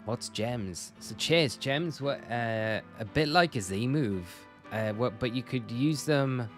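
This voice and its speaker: A man's voice: medium pitch, expressive, takes it slowly, faint music behind. A young man from Northumberland, chatting casually and rambling with viewers on a live stream. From Northumberland, England. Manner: chatty, rambling, self-correcting.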